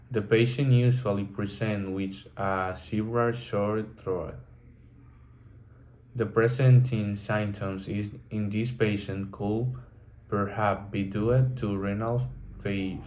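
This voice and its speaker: Slow, deep-voiced male teacher. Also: a little mellow. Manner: slow, careful reading with halting restarts. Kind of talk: reading a textbook lesson aloud.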